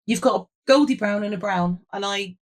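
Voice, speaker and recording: Croaky, frog-voiced British woman with lost voice. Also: mid-range voice, a little fast. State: lost voice, hoarse. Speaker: host of a craft video. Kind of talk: casual chatty craft vlog.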